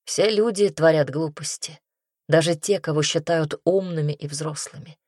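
Woman voicing a lovesick young man, audiobook, slow sighing pleas, lowish voice, dry sound. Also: a little mellow, no echo. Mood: pleading. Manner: slow, sighing, pleading delivery. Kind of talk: audiobook reading.

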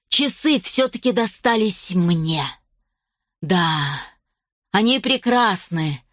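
A woman voicing a cold, haughty elderly female villain who speaks slowly and menacingly, in an audiobook. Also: mid-range voice, fairly bright tone, no echo, studio quality. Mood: gloating. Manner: slow, menacing, hissing.

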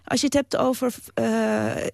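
A woman's voice: on the high side, fairly even intonation, unhurried, gravelly, dry recording, studio quality. A woman writer as a guest on a radio talk show, talking earnestly and with emphasis, often restarting her sentences.

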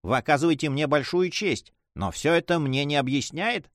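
A man voicing a haughty, cold and impatient male nobleman in an audiobook reading, pitched higher than his narration. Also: animated, normal speed, a bit bright, no echo, studio quality.

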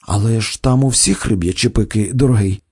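A man voicing a hot-tempered, pompous stout theatre producer who blusters and shouts in an audiobook. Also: fairly low pitch, brisk, breathy edge, no room sound, clean studio sound, pitched below the performer's own voice. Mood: fawning.

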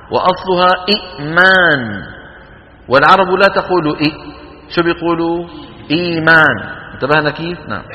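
A man teaching Quran recitation to a class, demonstrating vowel lengths and quizzing his students. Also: a little high. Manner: lively, asks the class questions and demonstrates long vowels. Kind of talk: classroom lecture. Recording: hall with long reverb.

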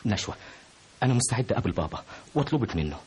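An actor playing a young doctor who pleads softly with the woman he loves, in an old radio drama. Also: fairly low pitch, very animated, racing, breathy edge, full character voice. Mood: pleading. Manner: soft, pleading, insistent. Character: young doctor, secretly engaged, pleading lover. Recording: noisy old radio drama with car sounds.

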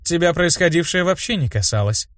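A man's voice: on the high side, animated, a little fast, a bit bright, no room sound, studio quality, pitched above the performer's own voice. A man voicing a cool, curious woman mage who watches the quarrel with amusement. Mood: amused.

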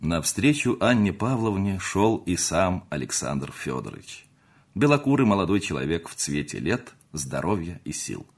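A man narrating a classic novel as an audiobook, measured and expressive. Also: low-pitched, breathy edge.

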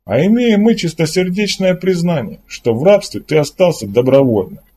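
A man's voice: fairly high pitch, animated, normal speed, warm tone, slightly rough, voice pushed up. A man voicing a stern male pirate commander in an audiobook, speaking in a dry, businesslike and curt way.

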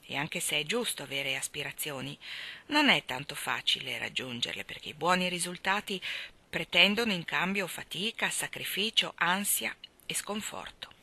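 Bright-voiced woman reading a novel aloud. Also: low voice, moderate pace. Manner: expressive, voices the dialogue with rising excitement. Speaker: reader.

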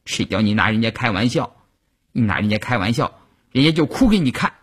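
Man doing a high, pouting teenage girl soldier. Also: animated, normal speed, fairly bright tone, husky, heavily acted. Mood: tearful. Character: cheerful teenage girl soldier, quick to cry. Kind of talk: audiobook character voice.

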